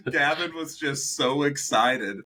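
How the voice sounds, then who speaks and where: A young man co-hosting a podcast, telling animated stories in casual chat, laughing often and acting out what people said. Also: fairly high pitch, slow pace. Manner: animated storyteller, laughs often, acts out quotes. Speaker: podcast co-host.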